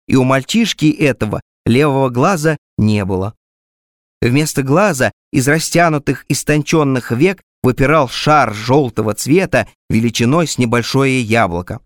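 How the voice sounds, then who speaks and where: A man reading a literary story aloud as an audiobook narrator, in a measured, wry first-person manner. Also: mid-range voice, dry recording, clean studio sound.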